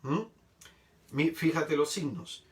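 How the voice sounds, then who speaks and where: Man, preacher, expressive storytelling, fairly high voice, mic set back a bit. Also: slow, far from the mic. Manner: expressive storyteller, rhetorical tag questions. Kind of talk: sermon with testimonies.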